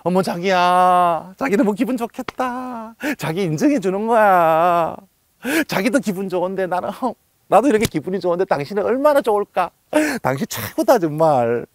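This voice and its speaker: A man's voice: sits high, animated, normal speed, dry recording. A man voicing a wife who first nags and then sweetly praises her husband, in an exaggerated, coaxing manner. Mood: sweet praising.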